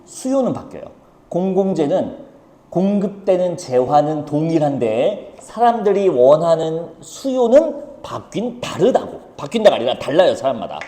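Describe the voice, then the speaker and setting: A man teaching a lively economics lesson, blunt and teasing, firing off quick rhetorical questions. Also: fairly high pitch. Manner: blunt and teasing, swears at students. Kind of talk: lively lecture. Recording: echoey room with long reverb.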